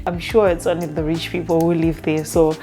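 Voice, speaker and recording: A young woman from Zimbabwe, chatting casually in a vlog with a relaxed manner and frequent fillers. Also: low-pitched, brisk. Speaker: vlogger. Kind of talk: casual talking-to-camera vlog.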